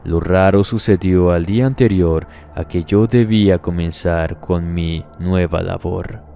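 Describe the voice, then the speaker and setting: Deep gravelly man narrating horror. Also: measured pace, mellow, a little hiss or hum.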